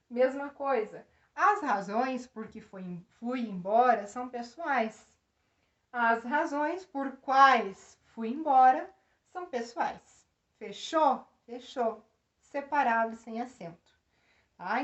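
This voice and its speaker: Woman teacher, patient step-by-step explainer; fairly high voice, roomy muffled recording. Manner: explains slowly, checks in with "né?" and "tá?". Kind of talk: grammar lesson. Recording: echoey room, dull lo-fi sound.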